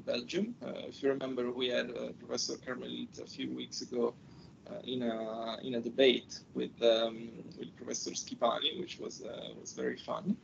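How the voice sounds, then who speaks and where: A man hosting a webinar and introducing a guest speaker over a video call, heard through a screen recording, speaking haltingly with frequent fillers. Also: gravelly. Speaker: webinar host. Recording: dull lo-fi audio with faint rumble.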